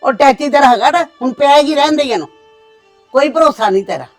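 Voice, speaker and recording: A woman's voice: high-pitched, lively intonation, a little fast, soft background music, poor audio. A woman playing a harsh scolding mother-in-law. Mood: threatening. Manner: scolding, commanding, threatening. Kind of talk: family drama acting.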